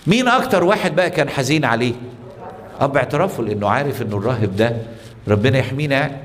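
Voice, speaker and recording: A man's voice: medium pitch, expressive, racing, long reverb tail. A man with an Egyptian Arabic accent, a priest preaching a sermon, telling stories and putting rhetorical questions to the congregation.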